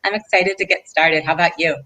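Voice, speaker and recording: A librarian hosts a children's storytime read-aloud, encouraging her young listeners and asking them questions. Her lowish voice is bright and forceful, fairly quick with fairly even intonation, on a low-quality recording.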